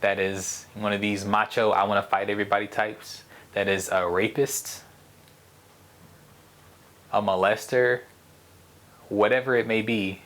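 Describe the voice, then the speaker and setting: A man's voice: lowish voice, fairly bright tone. Blunt, profane man talking casually. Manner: blunt, profane, rambling with frequent restarts. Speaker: podcast host. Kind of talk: casual solo podcast monologue.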